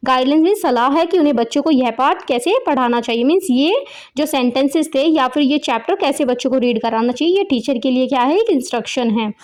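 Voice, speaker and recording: A woman with an Indian accent, her voice sitting high, teaches an English lesson to young children in a voice-over. She reads each English line slowly and carefully, then breaks it down word by word in simple terms. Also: expressive.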